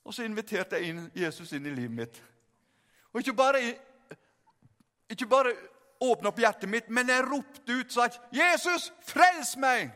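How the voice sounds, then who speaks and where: An older male preacher giving a revival sermon, telling stories in a lively, humorous way and acting out the scenes. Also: high-pitched, long pauses. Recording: long reverb in a hall.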